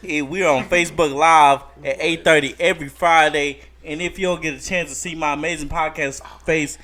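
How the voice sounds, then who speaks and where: A man's voice: on the high side, fairly even intonation, brisk, sharp tone. A man hosting a podcast, drunk and boisterous, joking his way through a casual group sign-off. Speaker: podcast host.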